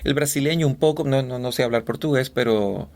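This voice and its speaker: A man from Ecuador, a voice-over artist, telling stories in a relaxed interview with lots of fillers and restarts. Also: mid-range voice, a little fast. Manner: animated storyteller, many fillers and restarts. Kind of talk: casual interview chat.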